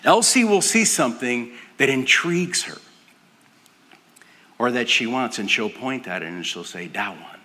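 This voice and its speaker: A man's voice: mid-range voice, lively intonation, moderate pace. Older male pastor preaching in a reverberant hall. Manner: earnest, drops to a soft hush for emphasis. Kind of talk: sermon.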